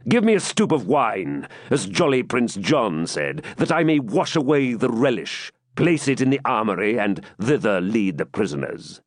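A male audiobook narrator voices a furious, cruel, middle-aged Norman baron bellowing threatening demands, slow, heavy, and commanding. His medium-pitched voice swings widely up and down with fury. The recording is close and dry, with no room sound.

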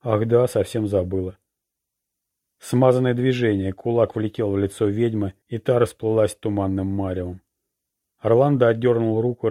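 Low, mellow male audiobook narrator. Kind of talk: scripted narration.

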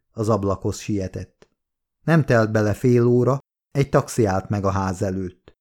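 A man reading an audiobook in a steady, measured scripted narration. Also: fairly low pitch.

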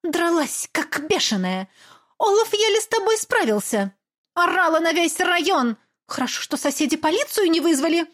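A woman's voice: very high voice, lively intonation, moderate pace, fairly bright tone, voice pushed up. A woman voicing a furious middle-aged mother in an audiobook, venomous, sarcastic and accusing. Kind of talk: audiobook character voice.

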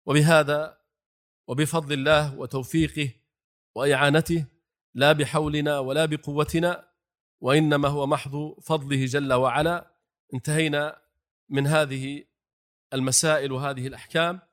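A man delivering an Islamic lecture with a slightly higher voice. He speaks to his listeners as brothers and keeps asking them questions that he then answers himself. Now and then he recites short phrases aloud to show how they should sound. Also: level tone, moderate pace, pauses often. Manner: demonstrates the call to prayer phrases aloud. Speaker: religious teacher.

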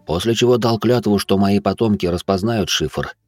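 A man voicing a polished, learned male noble sorcerer who speaks in a slow, lecturing way. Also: on the low side, no room sound, faint music behind, natural voice. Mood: measured.

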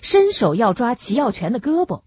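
A woman narrating an audiobook in an expressive storytelling manner, on a dull, lo-fi recording. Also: a little high, normal speed, breathy edge.

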